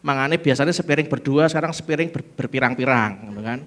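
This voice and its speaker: A middle-aged man with a Javanese accent preaching a sermon, swinging between loud exclamations and soft asides and throwing rhetorical questions at the congregation. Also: medium pitch, fast. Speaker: pastor.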